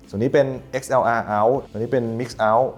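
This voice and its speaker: Fast-talking man demoing a product. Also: mid-range voice, fairly even intonation, muffled recording, soft background music. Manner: quick, polite, filler-heavy explaining. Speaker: product demonstrator. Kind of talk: product demo walkthrough.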